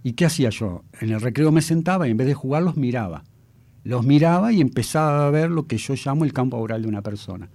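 A mentalist in his fifties with a Uruguayan Spanish accent recalls childhood stories as a guest on a talk show. His mid-range voice is warm and animated, moving at a quick pace, and the recording is dry.

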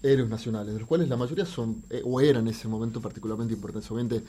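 A middle-aged visual artist from Uruguay, brought up in France, Venezuela and Argentina, gives halting, reflective interview answers in a Uruguayan accent, echoing words as he hunts for the next. His medium-pitched voice is warm and husky. The recording has faint background noise, and he drifts away from the mic.

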